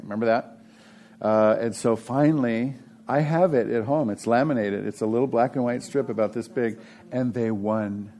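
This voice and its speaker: A man's voice: medium pitch, a little mellow. A man preaching a sermon as pastor, telling stories in a chatty, joking way with lots of fillers.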